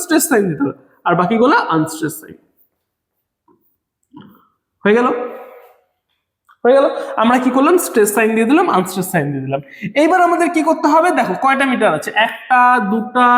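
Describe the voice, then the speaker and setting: A woman teaching an online lecture, repeating points and checking often that her students follow. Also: high-pitched. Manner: repetitive, checks understanding often. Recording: echoey room, long reverb.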